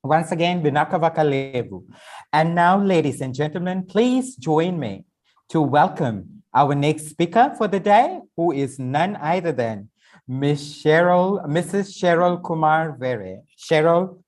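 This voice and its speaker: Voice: mid-range voice, animated, measured pace, darkish tone. Fijian-accented host, conversational and hesitant. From Fiji. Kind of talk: online panel moderating.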